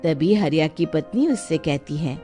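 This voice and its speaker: Female narrator, animated intonation, scripted storytelling, faint background music. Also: sits low, normal speed.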